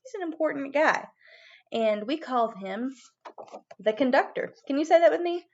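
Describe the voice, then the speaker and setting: Woman, high-pitched, children's music teacher, animated prompting delivery, muffled lo-fi sound. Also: normal speed. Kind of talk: children's video lesson.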